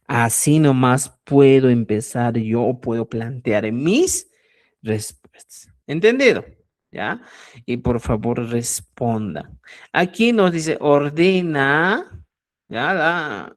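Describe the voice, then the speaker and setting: Male teacher, live class; animated pitch, unhurried pace. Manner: animated, drills phrases and keeps asking "¿ya?". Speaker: Quechua teacher. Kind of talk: live online language lesson.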